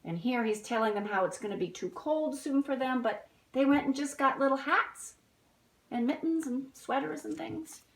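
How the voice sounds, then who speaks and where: A high-voiced woman reads a picture book to young children at a moderate pace, chatting as she goes with simple explanations and questions aimed at them. The audio is poor, with slight background noise.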